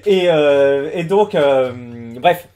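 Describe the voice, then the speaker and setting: High-pitched guy rambling through casual commentary, lots of ums and restarts, swears a bit. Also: extremely slow, mellow. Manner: rambling, many fillers and restarts, crude slang.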